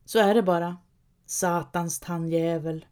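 A woman reading aloud and voicing a gruff, bossy male robber chief who scolds his men. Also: on the low side, fairly even intonation, a little mellow, close to an everyday voice. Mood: gruff scolding. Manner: barking, scolding. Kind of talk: audiobook reading.

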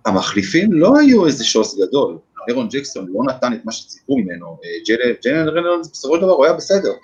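A man's voice: mid-range voice, big pitch swings, darkish tone. A man hosting a casual sports podcast, hesitant with many fillers as he steers the discussion. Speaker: podcast host. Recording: dull lo-fi audio.

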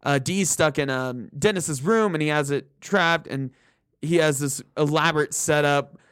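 A man co-hosting a podcast in casual chat, with a rambling, animated way of telling things and an easy laugh. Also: on the high side, a little slow, smooth, no room sound, studio quality. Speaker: podcast co-host.

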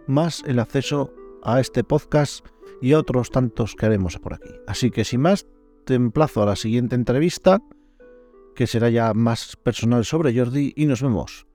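A podcast host from northern Spain, with the accent to match, runs a casual interview full of colloquial, slangy chat. His voice is mid-range and warm.

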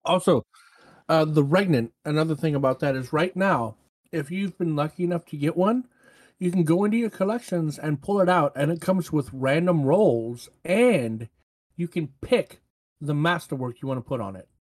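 A man's voice: a little high, animated, normal speed. A man in a casual gaming chat, rambling with lots of fillers and restarts.

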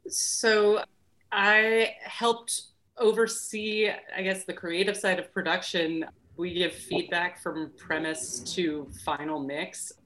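A woman's voice: lowish voice, steady tone, takes it slowly, a bit bright. A woman guest on a podcast, talking enthusiastically about her past work. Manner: enthusiastic, gushing. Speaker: podcast guest, former network executive. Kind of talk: casual podcast chat.

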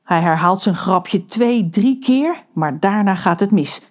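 A woman narrating a children's audiobook with lively, expressive storytelling. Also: mid-range voice, unhurried.

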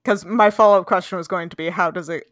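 A woman's voice: on the low side, steady tone, a bit bright, dry recording, clean studio sound. A woman co-hosting a casual book-club podcast, asking puzzled questions and laughing easily. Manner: quizzical, quick to laugh. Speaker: podcast co-host.

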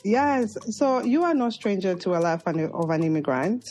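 A woman's voice: mid-range voice, animated, moderate pace, dark tone, faint music behind. A woman hosting an interview, asking her guest questions in an encouraging way. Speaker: podcast host. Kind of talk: remote interview conversation.

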